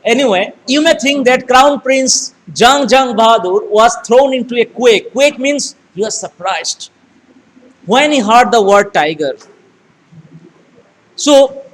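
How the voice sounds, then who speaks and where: High-voiced man explaining a story lesson. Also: lively intonation, takes it slowly, rough recording. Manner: explains word meanings, mixing in Hindi; reads story lines aloud then paraphrases. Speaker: English teacher. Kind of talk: classroom text explanation.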